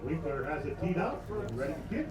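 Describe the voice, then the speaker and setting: A man chimes in as color commentator on a small-town football broadcast, filling in where the ball sits and who made the play. His voice is fairly high for a man. He sounds distant from the mic and echoey. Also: big pitch swings, brisk. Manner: adds clarifying details on field position. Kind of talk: local sports commentary.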